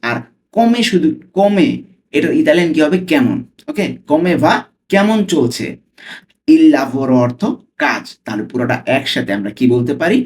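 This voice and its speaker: A man teaching as a language tutor, repeating each phrase slowly word by word and checking in with "okay?". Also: a little high, big pitch swings, a little mellow. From Bangladesh. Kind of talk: spoken lesson, Italian phrases explained in Bengali.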